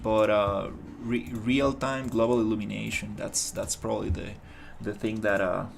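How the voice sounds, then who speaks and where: A Costa Rican man, an indie game developer, casually talks through his work on a livestream, rambling and restarting as he thinks aloud. His voice is fairly low and creaky with a flat delivery at a moderate pace, and there's a little hiss or hum in the background.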